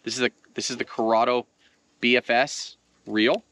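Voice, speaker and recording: A fishing tutorial host explains gear and technique in an easygoing, conversational way, speaking directly to his viewers. His voice is mid-range, level and a bit bright, at a moderate pace, with slight background noise.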